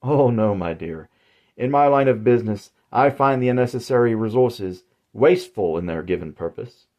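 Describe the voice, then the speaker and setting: A man's voice: mid-range voice, animated, moderate pace, muffled recording, close to an everyday voice. A man voicing an old male umbrella salesman who is polite and sinister, with courtly, folksy, old-fashioned phrasing. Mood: silky.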